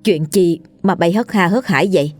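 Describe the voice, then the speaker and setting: A woman's voice: fairly low pitch, normal speed, a little mellow, no echo, faint music behind, lightly acted. A woman voicing a stern, proud wealthy mother who speaks harshly and with scorn. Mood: scolding.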